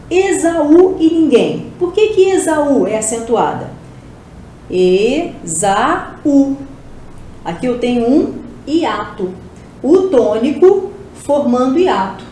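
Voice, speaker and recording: A woman's voice: high-pitched, darkish tone. A woman from Brazil, a Portuguese teacher, going through exam questions step by step and answering her own questions. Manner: explains step by step, asks and answers herself. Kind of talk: exam-prep video lesson. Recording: very echoey room, faint hiss.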